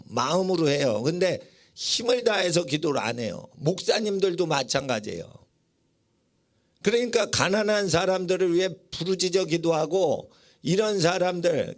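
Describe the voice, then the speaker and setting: A male pastor preaching in a church with a fairly high voice. He is emphatic and keeps throwing questions at the congregation, then answers them himself. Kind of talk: sermon. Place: church sanctuary.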